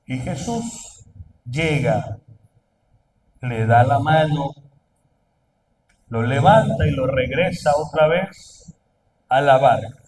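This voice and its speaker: A man preaching a sermon, asking the congregation questions and building to loud, emphatic calls. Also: medium pitch, takes it slowly, pauses often, far from the mic, a little hiss or hum, low-quality recording. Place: church.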